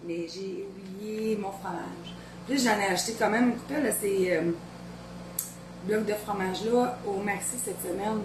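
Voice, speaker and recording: A woman's voice: medium pitch, normal speed, reverberant, heavy background noise. A woman in her thirties with a Beauce Quebec French accent, chatting casually while she cooks in her home kitchen and rambling on with family off camera. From Quebec, Beauce region. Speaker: home cooking vlogger.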